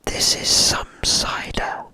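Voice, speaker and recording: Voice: takes it slowly, bright, forceful tone, no echo. Reader doing eager lil girl fox cub, storybook whisper right in ur ear. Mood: excited wonder. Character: eager, excitable smallest fox, a young female cub. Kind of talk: whispered ASMR storybook reading.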